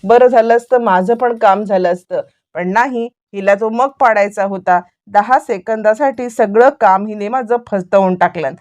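A woman's voice: medium pitch, moderate pace, hardly any pauses, darkish tone, lightly acted. A woman voicing a scheming young woman who feigns innocence and sweet concern while hiding spite. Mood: spiteful. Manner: sweetly false, then spiteful.

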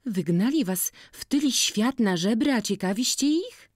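A woman's voice: a little high, expressive, unhurried, no room sound, studio quality, voice pushed up. A woman voicing a young village woman who speaks in a raised, eager voice.

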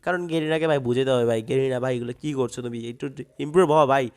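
A man with a hoarse, strained throat, commentating his own gameplay and yelping excitedly during fights. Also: mid-range voice, racing. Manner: excitable, yelps sharply in fights and grumbles at other players. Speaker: gaming channel host.

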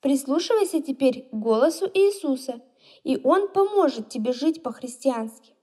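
A woman's voice: high voice, lively intonation, normal speed, warm tone. A woman voicing a kind, caring aunt in a children's storybook reading.

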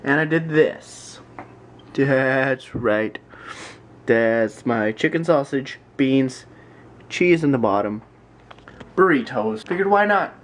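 A man's voice: mid-range voice, expressive, slow pace, long pauses. A man chatting casually in a daily vlog, rambling and amused at himself. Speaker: vlogger.

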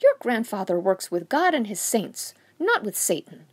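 A woman's voice: medium pitch, very animated, moderate pace, husky. A woman reading aloud voices a devout, worried grandmother who speaks emphatic. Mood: scandalized. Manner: emphatic, scolding, fond.

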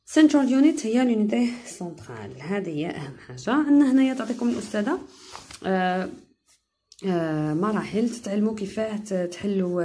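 A woman's voice: lowish voice, warm tone. A woman English teacher with an Algerian Arabic accent, giving a chatty recorded lesson that explains English terms in dialect, with frequent hesitations.

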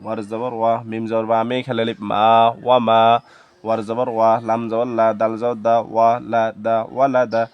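A man teaching Quran reading, naming each letter and vowel mark, then chanting the verse slowly. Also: on the low side, completely flat delivery, clean tone, dull audio. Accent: Bangladeshi Bengali. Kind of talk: slow spelling-out recitation lesson.

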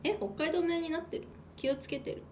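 A woman from Hokkaido sits close to the mic for a solo livestream and talks in a high, bright register. She reads out viewer comments and thanks each one in a relaxed, playful way, snacking as she goes. A faint hiss of background noise sits under her voice. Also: fast talker. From Hokkaido, Japan. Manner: chatty, playful, eats while talking. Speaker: idol livestreamer. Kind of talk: casual solo livestream chat.

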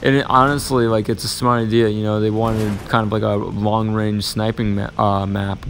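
Gravelly young man commentating his game. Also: lowish voice, normal speed, slight background noise. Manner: frustrated, self-talking, sudden excited yelps. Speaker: gaming channel host. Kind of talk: casual gameplay commentary.

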